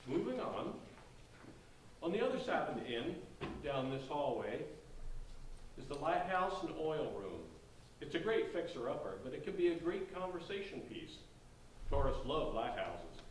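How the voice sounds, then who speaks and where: A man reading a play takes on a polite, folksy Southern real estate agent touring an old inn, courteous and eager to sell. His fairly high voice swings widely in pitch, moving at a normal speed with frequent pauses. Faint noise and echo come through from a distant mic in the hall.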